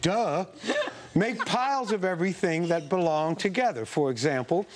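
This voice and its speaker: A man's voice: high-pitched, very animated, normal speed. An older man anchoring TV news, laughing hysterically as he struggles to get his words out. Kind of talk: news read breaking into banter. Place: TV news studio.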